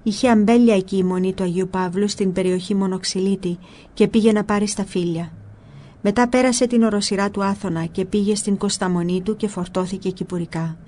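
A woman narrating a spiritual book in a calm, measured storytelling voice. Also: medium pitch.

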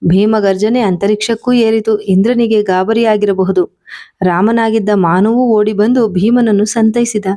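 Woman reading a funny story aloud, warm mellow voice, lively storyteller vibe. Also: mid-range voice, moderate pace. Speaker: audiobook reader.

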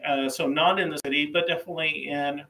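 A man's voice: fairly high pitch, fairly even intonation, fast, pushed and bright, low-quality recording. A middle-aged man giving a history lecture in a small classroom, explaining with fillers, recorded on a camera mic a few steps away. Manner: explanatory, uses fillers, gestures at whiteboard. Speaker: history teacher. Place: small classroom with whiteboard, indoors. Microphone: fixed camera mic at mid distance.

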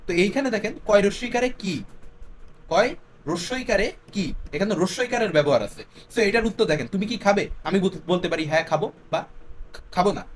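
A man teaching a grammar lesson. He explains step by step, slips English words in, and repeats his example sentences slowly. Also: high voice, animated, slight background noise.

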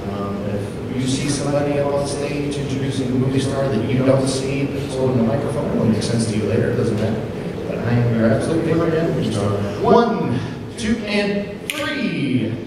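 A man's voice: medium pitch, fast talker, few pauses. Man, middle-aged, stage hypnotist, live show patter, heavy hall echo, very noisy recording. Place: large indoor school hall with seated audience. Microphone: handheld microphone through speakers, recorded by far camera. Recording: echoey hall, distant mic, loud noise.

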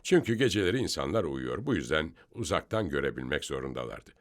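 A man's voice: very deep voice, big pitch swings, fast talker. A man explaining Bible passages step by step in a scripture study discussion, emphatic and explanatory. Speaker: Bible teacher.

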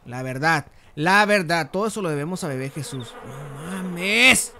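A young man with a Mexican accent giving crude, slang-heavy commentary while playing a game, breaking into sudden shouts. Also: on the high side, expressive, a little fast. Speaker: gamer. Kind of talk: profane gameplay commentary.

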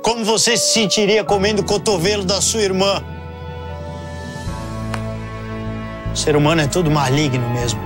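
A man's voice: high voice, fast, music in the background, natural voice. A Brazilian man in his thirties playing a put-upon, self-pitying aquatic superhero in a sketch comedy interview, talking in a whiny, aggrieved way.

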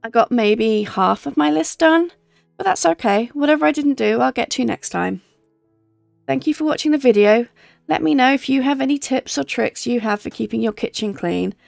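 A woman vlogger narrating her kitchen cleaning in a gentle, chatty, explanatory voice-over. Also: high voice, lively intonation, normal speed, creaky, dry recording, clean studio sound, soft background music. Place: home kitchen.

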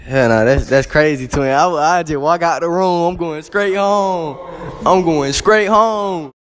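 A teenage boy holds a handheld mic and quizzes classmates in a school hallway. He jokes and teases in heavy slang, his voice sitting a little high for a young man. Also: measured pace. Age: teens. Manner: joking, teasing, slangy. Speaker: street interviewer. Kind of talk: casual hallway interview. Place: school hallways and restroom, indoors. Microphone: handheld mic held by speaker.

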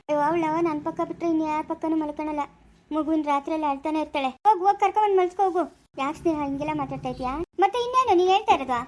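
A woman's voice: sits high, close to an everyday voice. A woman, acting as quarrelsome village women in a family drama, scolding and complaining. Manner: scolding, complaining rapid speech. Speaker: family skit actor.

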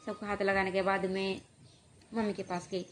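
A woman vlogger telling a personal story in a halting, hesitant way, full of pauses and fillers. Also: mid-range voice, flat delivery, soft background music.

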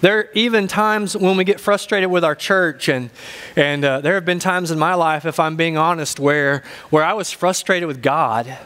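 A male pastor in his fifties with a thick Ozarks accent delivers a sermon from a church stage. His voice sits fairly high for a man. He speaks deliberately, repeating key phrases to drive them home. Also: bright, forceful tone. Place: large church stage indoors.

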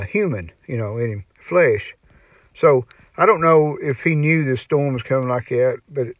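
A preacher with a medium-pitched voice gives an informal Bible teaching, recorded dry. He's folksy and rambling, frequently pausing with "you know" and restarting sentences.

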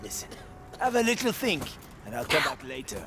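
A man's voice: mid-range voice, very animated, brisk. An actor playing a cruel, mocking male soldier interrogator in a video game, with music underneath. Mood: taunting. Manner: sneering, taunting.

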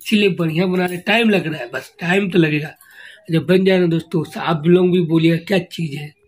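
A man's voice: on the high side, a little fast, slightly rough. A man chatting casually to his viewers in a home vlog, recorded on a handheld phone at home. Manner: chatty, keeps addressing viewers as friends. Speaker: family vlogger.

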